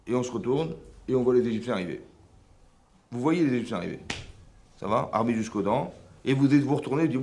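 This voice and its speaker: A man, a rabbi giving a lively religious lesson to a women's class, full of rhetorical questions and checks on whether his listeners follow. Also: medium pitch. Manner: animated, rhetorical questions, frequent checks on understanding. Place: seminary classroom.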